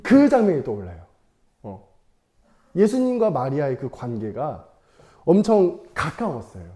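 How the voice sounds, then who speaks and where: A man's voice: a little high, huge pitch swings, measured pace, warm tone. A young man preaching to children in a casual storytelling sermon, chatty and playful, laughing often and asking the audience questions.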